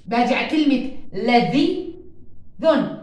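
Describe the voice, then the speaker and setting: High-voiced woman teaching letter sounds. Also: animated, darkish tone, echoey room. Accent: Jordanian Arabic. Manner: slow, drawn-out sounding of letters, sings short chants. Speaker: first-grade teacher. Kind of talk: children's phonics lesson with sung chants.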